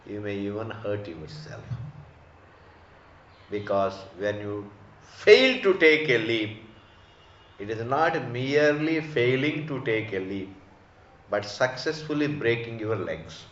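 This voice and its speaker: Indian-accented male spiritual teacher, very unhurried and didactic, repeats for emphasis; reverberant room. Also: on the low side, animated, fairly bright tone, a little hiss or hum. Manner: emphatic repetition, rhetorical questions, didactic. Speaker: spiritual teacher giving scripture discourse. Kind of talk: religious discourse. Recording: echoey room, slightly dull sound.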